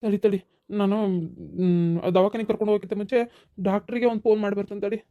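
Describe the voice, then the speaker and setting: A woman with a North Karnataka Kannada accent voicing a calm, practical middle-aged village husband in a comedy skit. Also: mid-range voice, quick pace, narrow, tinny audio, pitched below the performer's own voice, natural voice.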